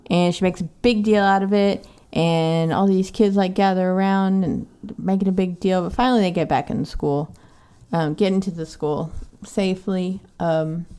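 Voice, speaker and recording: A woman's voice: on the low side, dark tone, smooth. A woman, recapping a book on a podcast in a casual, sarcastic, swearing way. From Texas. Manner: profane, sarcastic. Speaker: podcast co-host.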